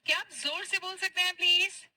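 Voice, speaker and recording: A woman teaching spoken English, patiently drilling short phrases and repeating them slowly. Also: very high voice, steady tone, pushed and bright, no room sound, rough recording. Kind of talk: spoken English class for Hindi speakers.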